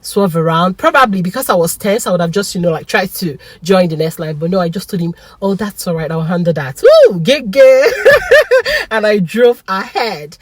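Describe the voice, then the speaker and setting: A woman, vlogging a lively personal story in an excitable, animated way and laughing often. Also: lowish voice, brisk, few pauses, slightly rough, no echo. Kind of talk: casual storytelling vlog.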